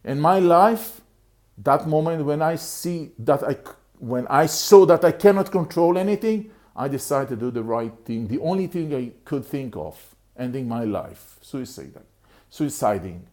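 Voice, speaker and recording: Here a middle-aged man from Israel, working as a motivational speaker, narrates his life to the camera in an earnest, halting manner, repeating and restarting phrases often. His voice is a little high, animated, and slightly mellow.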